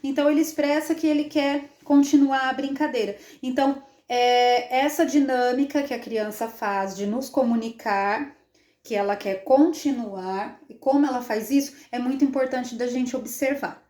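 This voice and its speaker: Woman, Brazilian Portuguese accent, child development specialist, instructional demo, frequent tag questions, high voice, echoey room. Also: moderate pace, mellow. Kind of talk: instructional demonstration. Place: indoor room, playing with a baby. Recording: roomy echo.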